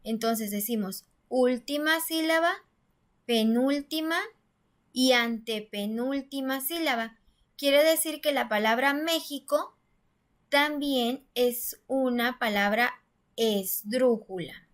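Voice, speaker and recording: Speaking slowly in a high voice, a woman teacher walks through a grammar lesson step by step, classroom-style. She patiently explains things and voices syllables with stress.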